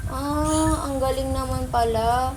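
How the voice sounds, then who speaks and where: Playful coaxing woman, fairly high voice. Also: steady tone, slow, a little mellow, a little hiss or hum, poor audio. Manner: coaxing, playful, repeats prompts to the child. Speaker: vlogger and parent. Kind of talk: casual home vlog, coaxing a toddler.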